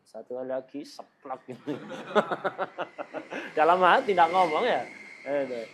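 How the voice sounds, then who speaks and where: A man's voice: on the high side, lively intonation, takes it slowly, fairly bright tone, slight background noise. A middle-aged man teaching Islamic law, joking and laughing often as he explains. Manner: jokey, laughs often, mimics chatter. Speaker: religious teacher.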